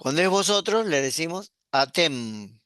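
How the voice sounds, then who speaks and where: A man, a pastor teaching an online class, explaining patiently and repeating words slowly. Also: a little high, big pitch swings, fairly bright tone, clean tone, dry recording, studio quality.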